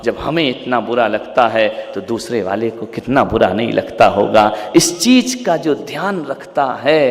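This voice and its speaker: A man, a Jain monk, giving a sermon to a live audience, dropping to hushed asides and rising to long drawn-out shouts, often putting questions straight to his listeners. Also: mid-range voice. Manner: asks the listeners direct questions. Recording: long hall reverb.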